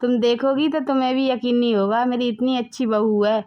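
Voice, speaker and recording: A woman's voice: a little high, level tone, fairly quick, lo-fi sound, close to an everyday voice. A woman voicing a proud, fussy older mother-in-law in a cartoon story, boasting and wailing theatrically. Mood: boastful. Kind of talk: Hindi cartoon dubbing.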